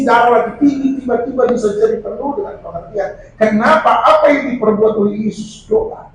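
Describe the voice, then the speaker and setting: A high-voiced male pastor delivers an animated sermon, shouting lines for emphasis and acting out the people he quotes. He stands well back from the microphone. The sound carries heavy echo through a large hall over a faint hiss. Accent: Indonesian. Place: church prayer meeting hall. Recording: distant, very echoey hall with faint noise.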